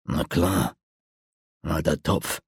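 A man voicing a gruff, weary male monster hunter who speaks curtly and warns, read in an audiobook. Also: slow, no room sound, studio quality, heavily acted. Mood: dismissive. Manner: curt, low, warning.

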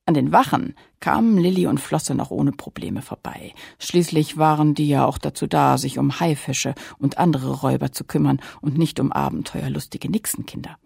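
A woman reading a children's story aloud with lively, playful narration. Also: low voice, moderate pace, creaky, few pauses, slightly rough, dry recording, studio quality.

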